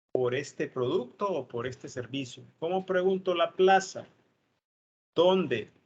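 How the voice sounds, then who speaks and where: A man's voice: a little high, lo-fi sound, a little hiss or hum. A man giving a tutoring lesson, explaining step by step and checking in with his students. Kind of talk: online tutoring lecture.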